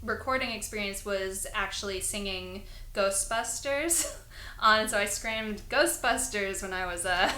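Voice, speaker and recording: A woman's voice: mid-range voice, a little slow, bright, forceful tone. A young woman from London raised in Los Angeles, chatting as a musician guest, rambling with lots of "like" and frequent giggles. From born in London, raised in Los Angeles. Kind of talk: casual interview chat. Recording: echoey room with faint ambience.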